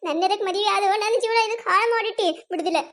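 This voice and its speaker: A very high, piercing voice from a loud village wife in a cartoon comedy, as a woman voices her. She speaks with a North Karnataka Kannada accent and keeps scolding, mocking and wailing. The tone stays shrill and quarrelsome throughout. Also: quick pace.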